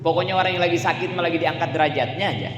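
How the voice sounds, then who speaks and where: A man's voice: fairly high pitch, very fast, muffled recording. A man preaching at a religious study gathering, speaking colloquially with rhetorical questions and a constant "ya". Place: mosque or prayer hall. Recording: echoey hall, slight room noise.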